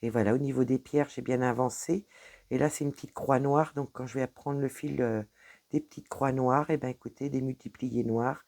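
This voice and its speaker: At a moderate pace, a woman speaks in a rumbling low, dark voice with fairly even intonation. French-accented, she chats casually at her home desk in a show-and-tell vlog about her cross-stitch progress, rambling and fumbling her words.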